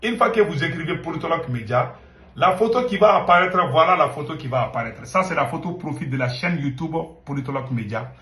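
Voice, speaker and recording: Excited man commenting news. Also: a little high, quick pace, roomy sound. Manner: emphatic, repeats himself, urgent asides to viewers. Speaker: political commentator and channel host.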